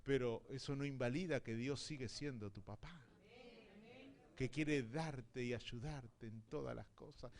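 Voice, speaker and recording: Argentine preacher man, lively storytelling. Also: sits high. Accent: Argentine Spanish. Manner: storytelling preacher, acts out dialogue with God, swings from hushed to loud. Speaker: visiting apostle preaching. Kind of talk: sermon.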